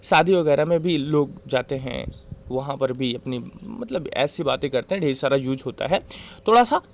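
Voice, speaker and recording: A male English teacher with an Indian accent walks through a grammar lesson step by step. He repeats each point patiently and keeps pausing to check that the class is following. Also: mid-range voice, animated, slight background noise. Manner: patient, repetitive, checks in with "right?".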